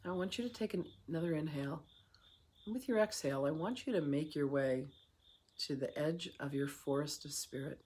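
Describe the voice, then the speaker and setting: Leading a guided meditation, this speaker has a medium-pitched voice that is a little mellow and husky. The delivery is soothing and unhurried, with long pauses.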